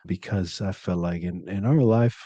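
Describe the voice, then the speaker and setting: A young Polynesian man from California, co-hosting a podcast in a relaxed, slangy and earnest way. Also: low-pitched, normal speed, slightly rough, no echo, dull audio. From Polynesian, living in California. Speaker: podcast co-host. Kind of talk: casual podcast talk.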